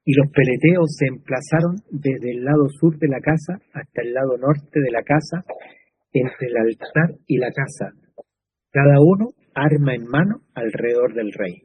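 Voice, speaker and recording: A man's voice: mid-range voice, normal speed, husky, highs cut off. A man with a Chilean Spanish accent preaching a sermon in a conversational way, with fillers and tag questions.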